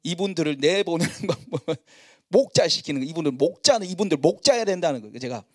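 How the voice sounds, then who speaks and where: A middle-aged male pastor preaching in a church, telling stories about himself in a lively, self-mocking way. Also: fairly high pitch, fast, dry recording, clean studio sound. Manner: storytelling, animated and self-mocking. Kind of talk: sermon.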